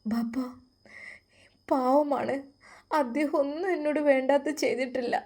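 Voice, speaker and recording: A woman voicing a soft-spoken young woman who pleads with her father, in a Malappuram Malayalam accent. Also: high voice, steady tone, measured pace, pitched above the performer's own voice. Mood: pleading.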